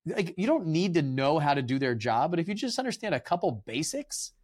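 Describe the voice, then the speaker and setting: A man hosting a podcast, talking in a relaxed, rambling way and acting out his conversations with tradesmen. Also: fairly high pitch, fairly quick. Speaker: podcast host. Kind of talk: casual interview chat.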